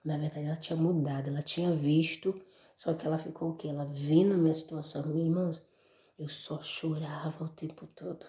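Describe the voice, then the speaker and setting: A woman's voice: sits low, steady tone, brisk, warm tone, roomy sound. A Brazilian woman giving an emotional church testimony, speaking straight to her listeners as brothers and folks. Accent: Brazilian Portuguese.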